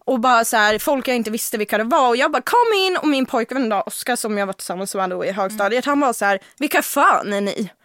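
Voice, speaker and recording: A young woman from Sweden, chatting casually and telling lively stories, acting out what people said. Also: on the high side, few pauses, dry recording, clean studio sound. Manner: animated storytelling, acting out quotes. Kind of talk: casual podcast chat.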